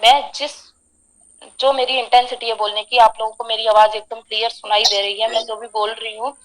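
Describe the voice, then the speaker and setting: A woman with a fairly high voice lectures to an online class. She moves through the material one term at a time, often posing a question and then answering it herself. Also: little pitch movement, a little fast, a bit bright, rough recording. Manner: explanatory, asks and answers own questions. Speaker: ayurveda lecturer.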